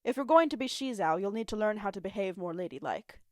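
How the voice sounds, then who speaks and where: A woman voicing a prim female supercomputer with a slight British accent, calm, scolding and unbothered. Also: medium pitch, fast talker, dry recording, close to an everyday voice. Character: prim female supercomputer, a floating pair of lips.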